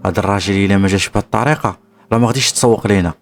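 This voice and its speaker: Male narrator doing a cunning young Moroccan woman, brash and quick-tongued, low voice, rapid delivery. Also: creaky, faint music behind. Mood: bossy. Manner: loud, indignant complaining. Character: scheming young woman, bold and sharp-tongued.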